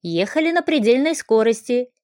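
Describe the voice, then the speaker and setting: A woman narrating a fantasy audiobook in an even, expressive reading. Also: on the high side, moderate pace, no echo, clean studio sound.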